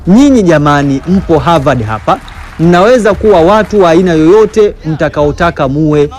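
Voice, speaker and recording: A man's voice: on the high side, expressive, moderate pace, a little mellow, faint music behind. A man doing an emphatic translated voice-over of a speech. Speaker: voice-over interpreter.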